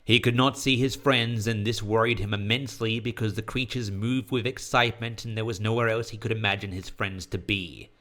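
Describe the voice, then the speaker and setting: This is a man narrating scripted horror fiction in a measured, literary way, as author and host of an audio story podcast. His voice is lowish and steady, with a bright, forceful tone.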